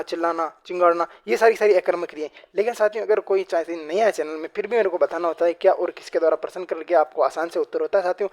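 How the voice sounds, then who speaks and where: A man teaching a grammar lesson for exam preparation. He asks questions and answers them himself, fills nearly every phrase with the same address to his viewers, and slows down to read example sentences aloud. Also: high voice, a little mellow. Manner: repeats "साथियों" and "बिल्कुल" constantly.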